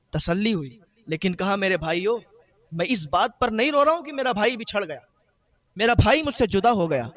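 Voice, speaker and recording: ایک آدمی جو وعظ میں دہرائے جانے والے جملوں کے ساتھ ایک اخلاقی قصہ سناتا ہے۔. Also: male voice, sits high, a bit bright. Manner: retells a moral tale with quoted dialogue, repetitive phrasing. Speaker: preacher. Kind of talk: sermon storytelling.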